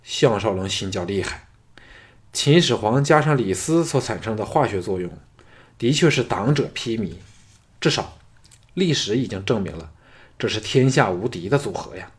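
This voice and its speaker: A man narrating a martial-arts fantasy novel as an audiobook, in a steady storytelling voice. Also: on the low side, moderate pace.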